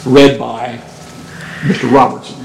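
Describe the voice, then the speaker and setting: A man's voice: mid-range voice, little pitch movement, unhurried. An American man acting as council president, calling motions and votes in a procedural manner. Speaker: council president chairing a meeting. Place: indoor council meeting room. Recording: roomy meeting chamber with clear noise.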